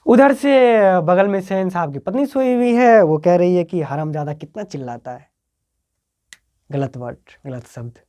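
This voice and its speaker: With a high, sing-song voice, a male teacher with a Bihari accent takes board exam students through a story at a moderate pace with few pauses. He dramatizes the quoted lines, alternating between loud and soft delivery.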